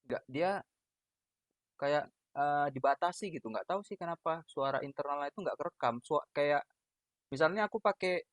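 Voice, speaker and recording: Pausing often at a moderate pace, this young Medan native with a booming voice and a Medan accent hosts a casual podcast chat over video call. He's boisterous, laughing, and quick to put himself down. The lo-fi call audio sounds dull and dry.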